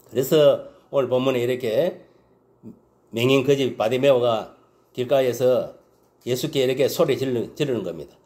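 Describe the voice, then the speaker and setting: A man preaching a Sunday sermon. He keeps asking the congregation whether they understand and agree, and he swings between loud exclamations and low muttering. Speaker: pastor.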